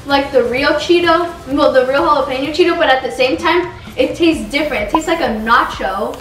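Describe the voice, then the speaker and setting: A woman's voice: high-pitched, brisk, recorded from a distance, music in the background. A young woman co-hosting a casual food-tasting chat, chatty as she describes the flavors. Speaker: channel co-host. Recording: echoey room, off-mic.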